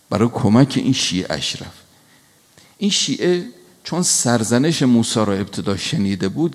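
A man giving a religious sermon, telling a scripture story slowly and emphatically, with recited verses. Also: on the low side, vocal fry. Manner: slow, emphatic storytelling with quoted Quranic Arabic. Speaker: preacher. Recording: long hall reverb.

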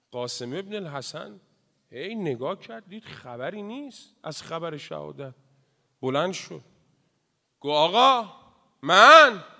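A man delivering a mourning sermon, swinging between loud wailing cries and hushed grieving murmurs. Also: fairly high pitch, vocal fry, big-room sound. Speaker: religious eulogist.

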